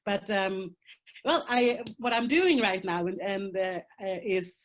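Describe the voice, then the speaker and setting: A woman from Sweden, Swedish her first language, speaks accented English a little slowly in a mid-range voice as a video-call panel guest. Her conversation is candid and forceful, with swearing and laughter through heavy topics.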